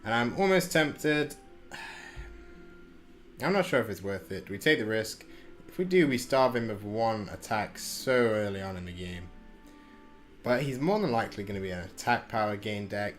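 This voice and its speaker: A man's voice: lowish voice, animated, normal speed, long pauses, faint music behind. A young man giving casual commentary over a card game he is playing at home, chatty and self-deprecating, with plenty of ums and restarts. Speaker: gaming channel host. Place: home room. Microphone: desk microphone.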